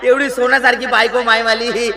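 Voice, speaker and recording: A man acting in a stage comedy sketch, excited, shouting and laughing as he talks. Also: very high-pitched, fairly quick. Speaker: comic actor.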